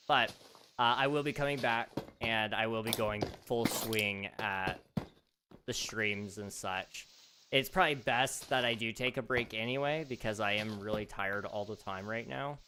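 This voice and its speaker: A man with a lowish voice hosts a casual gaming livestream over background noise. He rambles and chats with plenty of fillers, and his voice sounds slightly strained as he begins to lose it.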